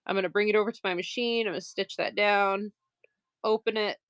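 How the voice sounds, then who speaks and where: Moving around her table as she sews, a Maine woman hosting live quilt sales keeps up a chatty stream of talk, full of laughter and self-mocking remarks, in her Maine accent. Her delivery is brisk and fairly even in intonation from a mid-range voice. The recording is dry.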